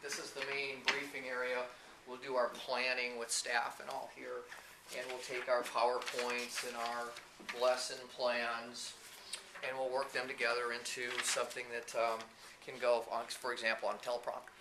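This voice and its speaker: In a flat, medium-pitched voice at normal speed, a man narrates an informal, off-the-cuff walking tour indoors. He is the CEO and presenter of a training company, moving through a video production facility. Light background noise and room ambience come through.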